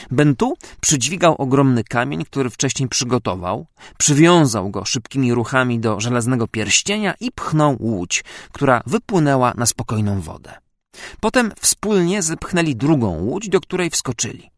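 A man narrating an audiobook in a dramatic, expressive reading. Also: medium pitch, dry recording, clean studio sound.

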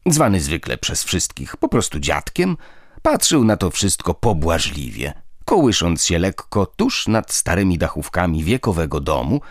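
A man narrating an audiobook in a lively storytelling manner. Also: low-pitched, no room sound, clean studio sound. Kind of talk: scripted narration.

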